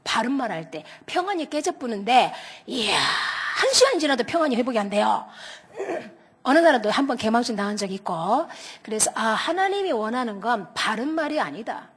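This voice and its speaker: A middle-aged woman, a pastor's wife, preaching a sermon and acting out stories with shouted lines. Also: fairly high pitch, husky. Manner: dramatic storyteller, shouts out quoted lines; lively, quick-tempered delivery. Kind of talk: animated sermon with acted stories.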